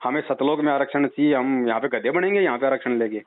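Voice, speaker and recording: On a phone call, a man with a mid-range voice speaks quickly, giving religious advice insistently and admonishingly while driving his points home with rhetorical questions. He is a spiritual advisor responding to a caller's doubts, and the band-limited phone-line recording sounds tinny.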